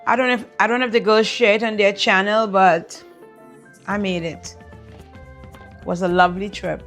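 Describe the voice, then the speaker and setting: A woman talking to the camera for her vlog, relaxed and explaining. Her voice sits at a medium pitch. Faint music plays underneath. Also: normal speed.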